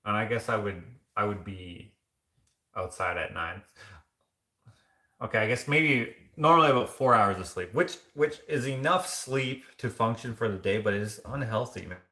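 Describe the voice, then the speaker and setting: A man's voice: on the low side, moderate pace, sharp tone, echoey room. A man hosting a casual live vlog, chatting loosely and rambling with many fillers and restarts as he reads viewer comments. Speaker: vlogger.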